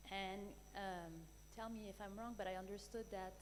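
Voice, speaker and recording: Woman, audience questioner, mid-pitched voice, hesitant, polite, strong background hum. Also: flat delivery, moderate pace. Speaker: audience questioner, angel investor. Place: large hall at a live event. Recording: echoey hall, noisy with hum.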